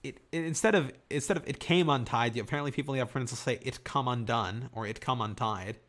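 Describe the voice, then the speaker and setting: A man's voice: mid-range voice, very fast. A man co-hosting a podcast, from Michigan, chatting casually and reading things aloud with jokes. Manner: animated, reads aloud and jokes. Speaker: podcast co-host. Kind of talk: casual chat.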